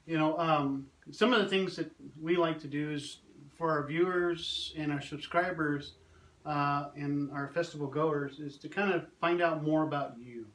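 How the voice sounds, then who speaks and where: Relaxed, rambling festival interviewer. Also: mid-range voice, a little slow. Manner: relaxed and rambling, many fillers. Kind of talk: casual interview. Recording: roomy with faint background noise.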